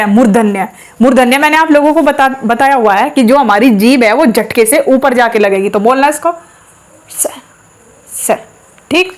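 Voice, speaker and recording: A woman teaching a lesson, explaining step by step, asking questions and answering them herself, and saying sounds aloud slowly for practice. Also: a little high. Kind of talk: classroom lesson.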